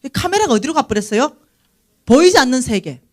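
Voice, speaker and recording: A woman preaching at a seminar, acting out the dialogue in her story with lively energy. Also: sits high, brisk. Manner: animated, acts out dialogue. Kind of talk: seminar sermon. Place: seminar hall.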